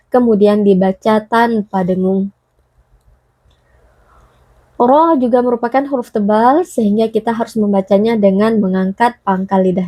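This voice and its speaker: A woman teaching Quran recitation rules, explaining calmly and chanting each word slowly. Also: mid-range voice, no echo. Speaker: tajwid teacher.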